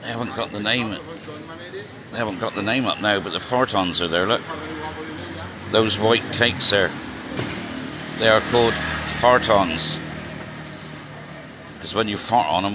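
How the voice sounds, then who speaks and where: Long pauses punctuate the measured, lowish speech of a vlogger in his sixties who is riding through the city on a live stream. He chats casually, jokes, and answers viewer questions. Traffic and street noise fill the noisy outdoor recording.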